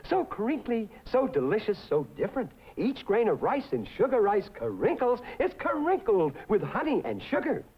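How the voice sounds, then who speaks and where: A man playing an excitable, hungry circus clown mascot with showy sing-song delivery in a 1950s television commercial. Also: sits high, normal speed, few pauses, breathy edge, full character voice. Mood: cheerful selling. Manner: exaggerated, sing-song salesman showmanship. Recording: muffled, lo-fi 1950s television audio.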